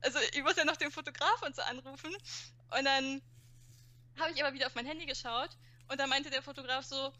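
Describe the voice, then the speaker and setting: A woman's voice: high-pitched, steady tone, quick pace, bright, forceful tone. A young woman telling funny convention anecdotes in a casual chat, acting out quotes with youth slang.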